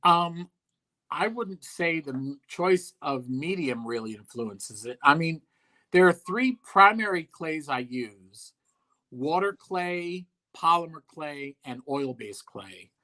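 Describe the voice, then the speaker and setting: Male sculptor guest, blunt and deadpan, bright edge to the voice. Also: fairly high pitch, takes it slowly. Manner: blunt, dry, profane, offhand. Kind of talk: casual interview talk.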